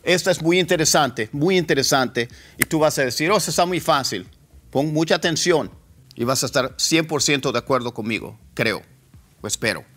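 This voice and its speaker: A man's voice: fairly high pitch, animated, fairly bright tone. Man teaching pronunciation. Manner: drills words by repeating them slowly. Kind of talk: pronunciation lesson.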